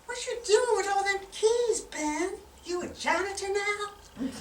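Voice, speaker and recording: A woman voicing a sassy, suspicious wife who teases her husband in a high, drawling voice, recorded from afar in a roomy hall. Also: animated, a little slow, a bit bright, a little hiss or hum, heavily acted. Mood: mocking. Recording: roomy hall, far-off camera.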